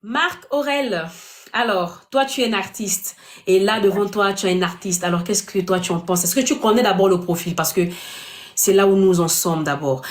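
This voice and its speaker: A woman with a mid-range voice and moderate pace hosts a casual web talk show panel, with slight background noise. She asks her guests for their opinions, often repeating and rephrasing her questions.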